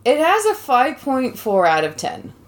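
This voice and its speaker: A woman in her thirties, a podcast host and lecturer, chats casually and laughs often. Her high voice swoops wildly in pitch, and she's unhurried.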